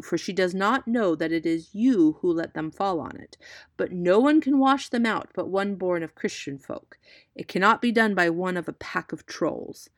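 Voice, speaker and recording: A man's voice: high voice, creaky, no echo, clean studio sound. A woman voicing a resolute young prince in a storybook reading, speaking urgently and with command. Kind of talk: storybook read-aloud.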